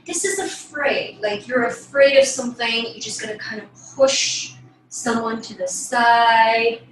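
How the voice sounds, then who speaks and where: Speaking at a measured pace in a fairly high voice, a young adult woman demonstrates ballet for the camera in her small bedroom. Her explanations are relaxed and frequently end with a checking-in tag question, and the distant mic picks up room echo and faint noise.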